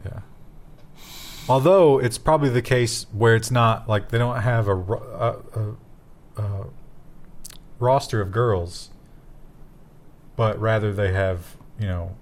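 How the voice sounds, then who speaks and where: A man's voice: on the low side, takes it slowly, pauses often. A man co-hosting a casual tech news chat, making wry, joking asides. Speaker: co-host.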